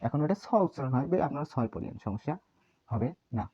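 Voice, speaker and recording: Language teacher, mellow voice, patient drilling, dull lo-fi recording. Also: medium pitch, animated, fast, slightly rough. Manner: patient, repeats each sound many times as a drill. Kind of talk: online language lesson.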